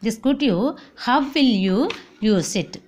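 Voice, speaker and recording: A woman with an Indian English accent teaching an online vocabulary lesson, repeating words slowly and saying "okay, see" often. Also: fairly high pitch, animated, darkish tone.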